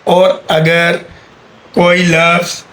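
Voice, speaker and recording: A man teaching an English grammar lesson, explaining slowly and patiently and repeating key words. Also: high voice, completely flat delivery, sharp tone. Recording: echoey room with faint background hum.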